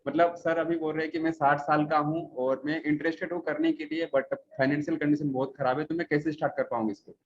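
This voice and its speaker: A man's voice: fairly high pitch, steady tone, fast talker, hardly any pauses. A man moderating a live webinar, politely reading out viewer questions and thanking the guest. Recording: dull lo-fi sound with faint noise.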